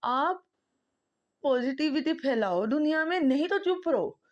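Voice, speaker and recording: A woman's voice: high-pitched, lively intonation, a little slow, highs cut off. A woman vlogger from Pakistan speaking an impassioned, pleading monologue, emotional and close to tears, driving her points home by repeating them. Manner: impassioned, pleading, repetitive emphasis.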